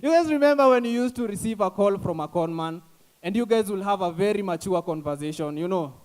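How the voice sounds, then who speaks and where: A young man with a Kenyan accent performs stand-up comedy on stage into a handheld mic. His voice sits high for a man. He slides between English and Swahili street slang and acts out callers and con men in his stories. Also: lively intonation, a little fast, a little mellow, smooth. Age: young adult. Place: comedy stage before a live audience.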